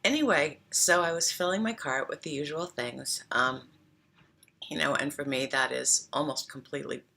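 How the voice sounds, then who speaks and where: A woman's voice: deep voice, normal speed, vocal fry, bright, forceful tone. A middle-aged woman talking casually to camera about her food, rambling and chatty with lots of fillers. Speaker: wellness coach vlogger.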